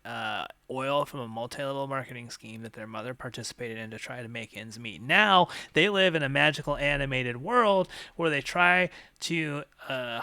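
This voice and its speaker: Bright-voiced man hosting comedy call-in. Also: clear, resonant tone, no echo. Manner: playful, rambling pitches. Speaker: co-host of comedy call-in show. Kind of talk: improvised comedy talk.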